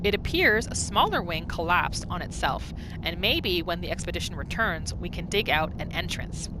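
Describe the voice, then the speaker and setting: Speaking at a normal speed in a fairly low voice, a woman plays a game on video and narrates with casual role-play, frequently talking to herself. She's excitable and often lets out exclamations. There's background noise, with game music underneath.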